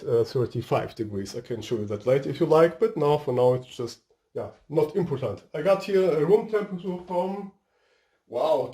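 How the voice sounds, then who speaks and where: Portuguese-accented man, mellow voice, rambling. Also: on the high side. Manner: rambling, hesitant, searching for words. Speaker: tech video host. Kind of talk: casual unscripted tech review. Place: home room with a fireplace.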